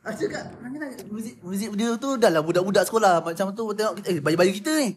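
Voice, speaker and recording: A man's voice: sits high, fast talker, a little hiss or hum. A young man chatting casually as a podcast co-host, laughing often and singing bits of songs. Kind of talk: casual chat.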